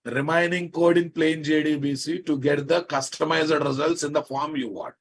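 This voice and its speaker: A man's voice: a little high, steady tone, normal speed, slightly rough. A man with a Telugu Indian accent teaches programming to a class, speaking emphatically, repeating phrases and prodding listeners with questions. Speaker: software teacher. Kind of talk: live programming lecture to a class.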